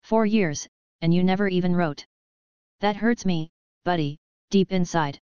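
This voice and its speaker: A woman's voice: lowish voice, unhurried, darkish tone, smooth, dry recording, dull audio, lightly acted. A woman voicing a big, boisterous male mercenary with jokey, overfamiliar, menacing charm, in an audiobook story. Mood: breezy menace.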